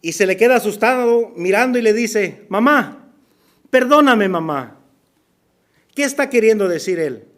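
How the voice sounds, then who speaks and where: A man preaching a sermon as pastor, telling a story and acting out its dialogue, sometimes dropping to a hushed voice for emphasis. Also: high-pitched, lively intonation, moderate pace. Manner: storytelling, acts out dialogue, drops to near whisper for emphasis. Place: church.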